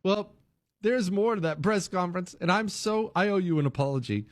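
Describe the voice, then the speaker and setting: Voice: medium pitch, expressive, a little fast. A commentator reacting to clips with mocking asides.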